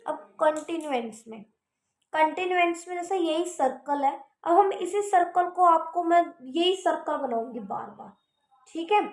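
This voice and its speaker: A woman's voice: extremely high pitch, expressive, moderate pace, roomy sound. A woman teaching shorthand in casual Hindi with English terms. She keeps checking understanding with "theek hai". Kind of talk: casual classroom explanation.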